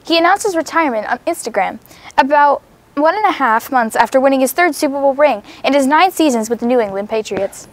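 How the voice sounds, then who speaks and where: A young female student co-anchors a mock newscast in a fairly high voice. She reads the script earnestly, stumbling now and then over words. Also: lively intonation, a little fast.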